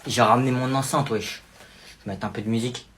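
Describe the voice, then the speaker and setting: Young man, comedy sketch creator, quick character switches, medium pitch. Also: steady tone, heavy background noise. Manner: playing many roles, quick switches.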